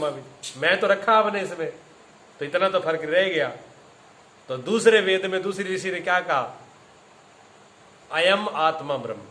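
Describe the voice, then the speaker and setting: A man's voice: fairly high pitch, bright, forceful tone, echoey room, slight background noise, poor audio. A man giving a spiritual discourse as a teacher, telling stories with acted quotes and repeating his phrases.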